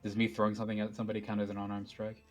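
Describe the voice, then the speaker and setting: A man playing in a tabletop role-playing game, swearing freely and thinking through his moves out loud. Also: lowish voice, monotone, very fast, soft background music. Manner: blunt and profane, thinking aloud. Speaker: player. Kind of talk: casual tabletop game play.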